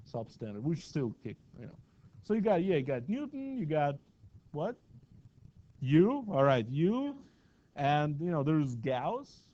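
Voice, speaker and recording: In a classroom, a man with a fairly high but dark-toned voice teaches math, keeping things chatty and frequently asking his students questions. The lecture has lo-fi sound.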